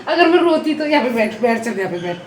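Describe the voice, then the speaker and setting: A woman's voice: on the high side, big pitch swings, fast. A woman filming a casual home vlog, teasing and mock-sulking at a child, often repeating herself and talking to her viewers. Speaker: family vlogger talking to viewers. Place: inside a home, near stairs. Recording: echoey room with background noise.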